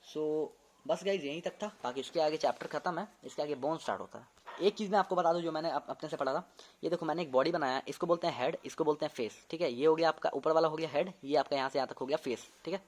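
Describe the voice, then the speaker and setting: His voice fairly high and fast, with a little hiss or hum, a young adult medical student casually teaches anatomy. He demonstrates movements as he goes and frequently repeats terms to check understanding.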